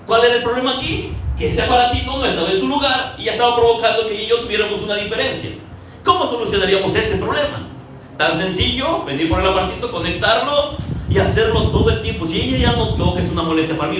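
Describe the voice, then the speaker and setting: A male preacher with a high voice gives a sermon in a conversational, storytelling way, acting out the quotes he tells. He is recorded from a distance in a very echoey hall with faint ambient noise behind him. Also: fast talker, fairly bright tone.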